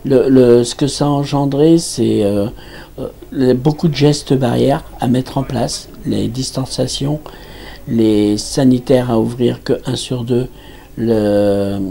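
Interviewed in a small office, a Frenchman in his sixties who manages a campsite stumbles through his answers, restarting often and filling gaps. His voice is husky, gravelly and warm, at a medium pitch.

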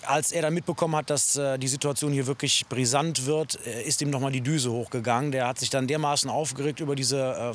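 An actor playing a composed, matter-of-fact police officer, explaining in wordy official language to camera in a TV police series. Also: male voice, medium pitch, lightly acted. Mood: explanatory, sober. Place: outdoors beside a police car. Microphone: clip-on lapel mic.

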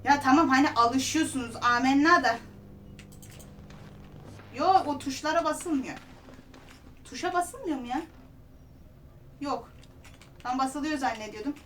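A woman's voice: high voice, measured pace, long pauses, a little hiss or hum. A woman playing a horror game who talks to herself, gasps and pleads nervously as she goes. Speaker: gaming streamer. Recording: voice heard from a distance over loud game music.

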